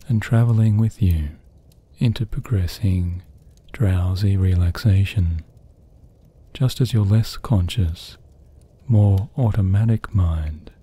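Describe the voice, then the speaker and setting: A man with a low-pitched voice narrates a guided sleep meditation. He speaks softly, breathily and soothingly, gently hushed, leaving long pauses between phrases.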